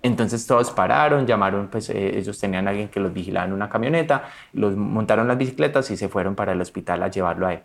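A man with a low voice tells stories in an animated way. He is a mental coach, a guest in a conversation, and he slips into the voices of the people he quotes. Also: quick pace, creaky, few pauses. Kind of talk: conversational storytelling.

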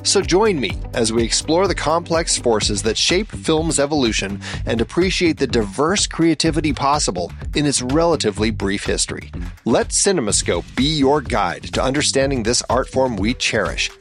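A man's voice: medium pitch, sing-song, normal speed, a bit bright. A man reading scripted narration as a podcast host. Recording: faint music bed.

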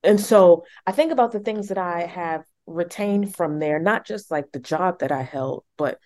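A woman's voice: lowish voice, moderate pace, a little mellow. A woman from New York with a faint New York accent, interviewing a guest in casual conversation. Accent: New York, switched off.

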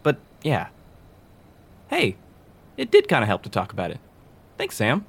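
A man's voice: mid-range voice, huge pitch swings, a little slow, gravelly, slightly rough, heavily acted. An actor playing an insecure, lovesick young man who rambles nervously and undercuts himself. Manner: rambling, nervous and self-deprecating. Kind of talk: audio drama acting.

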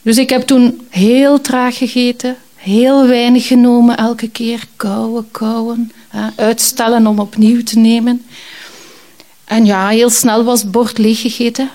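Female storyteller, reflective and halting, mellow, slightly high. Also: fairly even intonation. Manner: reflective, hesitant, many fillers. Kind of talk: personal storytelling.

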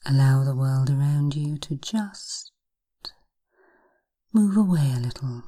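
Breathy, low woman whispering slow hypnosis. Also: animated. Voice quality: breathy, hushed, half-whispered. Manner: soothing, drawn-out phrases with long pauses. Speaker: hypnotherapist podcast host. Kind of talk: guided hypnosis in a soft, whispery spa-like voice.

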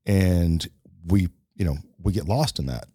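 A man's voice: sits low, unhurried, warm tone, breathy edge, dry recording, studio quality. A middle-aged man talking reflectively in a casual podcast conversation, with many fillers and restarts. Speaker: podcast co-host.

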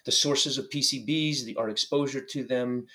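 A man answers as a guest expert on a podcast. His pitch is average and his talk is conversational, breaking often into short halting phrases. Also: pushed and bright. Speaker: podcast guest, doctor and author. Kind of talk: conversational interview.

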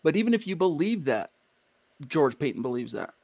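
This sports livestream host, an American man, delivers casual commentary with lots of emphasis and frequent rhetorical questions. His fairly high voice is brisk, very animated, and a little mellow, with vocal fry. There's no room sound.

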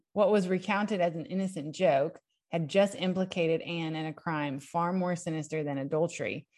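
A young adult woman, a podcast co-host, excitedly recounting history from notes in a casual chat, prone to giggles. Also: fairly low pitch, normal speed.

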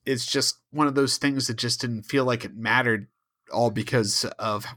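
Male co-host, bright forward tone, dry mic, deadpan sarcasm. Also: mid-range voice, moderate pace, no room sound. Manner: wry, sarcastic, deadpan asides. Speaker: podcast co-host. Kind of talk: casual chat recapping a TV episode.

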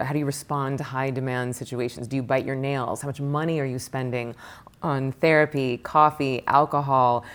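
A woman meditation teacher and author answering interview questions, rattling off lists of questions in an animated way. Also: rumbling low, clear, resonant tone.

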